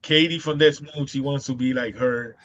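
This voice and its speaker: A man's voice: mid-range voice, fairly even intonation, normal speed, fairly bright tone, muffled recording. A man with a Boston accent hosting a casual live show, rambling with many fillers and laughing often. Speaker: host.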